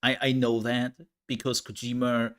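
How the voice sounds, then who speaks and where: A man's voice: mid-range voice, monotone, moderate pace. A man streaming a farming game live, chatting casually and telling a rambling story with laughs.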